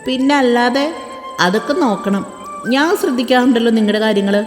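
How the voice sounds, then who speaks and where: A woman's voice: fairly high pitch, brisk, voice pushed up, natural voice. A woman voicing an earnest, eager young wife who pleads and fusses, in a storybook voice reading. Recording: echoey room with soft background music.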